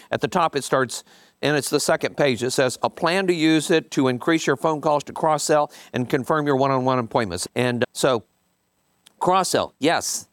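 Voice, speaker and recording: A business coach with a fairly high-pitched voice runs a group session, reading bits of a book aloud and reflecting on them informally. He frequently repeats himself for emphasis and checks that listeners are following. The recording is dry and studio quality.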